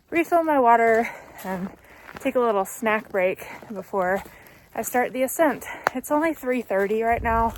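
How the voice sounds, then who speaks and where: A woman's voice: mid-range voice, slight background noise. Upbeat young woman vlogging on a trail. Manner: chatty and upbeat, talking to the camera while walking. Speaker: hiking vlogger. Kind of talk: casual trail vlog narration. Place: outdoors on a mountain trail.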